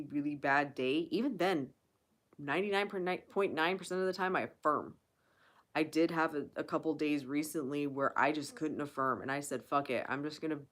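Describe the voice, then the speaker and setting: Host, female, low-pitched, blunt and foul-mouthed, casual live Q&A. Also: fairly bright tone. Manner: blunt, profane, emphatic. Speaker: channel host.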